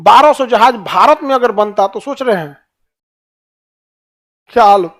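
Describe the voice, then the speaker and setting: A man's voice: very high-pitched, animated, measured pace, a bit bright. A man teaching a classroom lecture in colloquial Hindi with a Bihari accent, often asking his listeners rhetorical questions.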